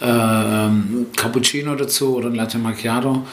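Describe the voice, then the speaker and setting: A middle-aged man, a native Italian speaker who works as a festival-tent jester and stage host, rambles through interview answers full of fillers, self-corrections and the tag "ne?". His mid-range voice is steady at a normal speed, recorded with roomy echo and faint background noise.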